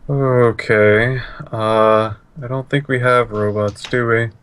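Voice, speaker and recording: A man's voice: medium pitch, fairly even intonation, slow, fairly bright tone, clean tone, dry recording. A man chatting casually as a player in a tabletop role-playing game, hesitant and thinking aloud. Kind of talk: casual chat.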